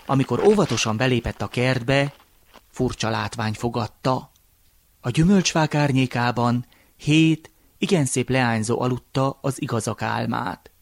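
A man narrating a folk tale in a measured, unhurried way. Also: mid-range voice, creaky, no echo. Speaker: storyteller.

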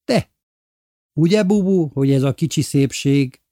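A man's voice: a little high, expressive, dark tone, no room sound, clean studio sound, pitched above the performer's own voice, close to an everyday voice. A man reading aloud and voicing a teasing, theatrical village woman with a mocking, sing-song manner.

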